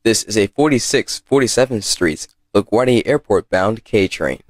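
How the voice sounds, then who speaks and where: A man's voice: fairly low pitch, animated, normal speed, no room sound. A man reading scripted subway station announcements in clipped, formal phrases, like an automated system.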